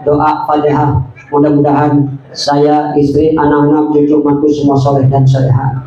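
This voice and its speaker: Older man, comic sermon, teasing, high voice, roomy hall sound. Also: normal speed, lo-fi sound. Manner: joking, teasing, lively swings between banter and prayer. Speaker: preacher. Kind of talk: comic sermon at a religious gathering. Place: live religious event, crowd gathering.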